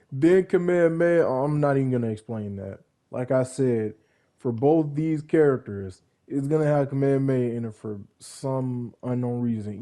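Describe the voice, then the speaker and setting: A man's voice: mid-range voice, warm tone. A young man casually narrating a fan-made backstory, rambling, correcting himself and adding joking asides. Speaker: fan content creator.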